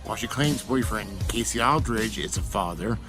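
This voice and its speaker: A man's voice: on the low side, animated, moderate pace. A man narrating a scripted commentary video, reading out dates and reports one after another. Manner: reads out dates and reports in order. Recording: clip with music playing behind.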